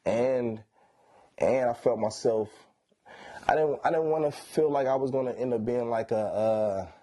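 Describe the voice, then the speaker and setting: A man's voice: mid-range voice, unhurried, dark tone. A thirty-year-old man, talking in a stoned, laid-back slangy drawl in a casual interview. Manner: stoned, laid-back slangy drawl with frequent "you know what I'm saying". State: high on weed. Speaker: R&B singer being interviewed.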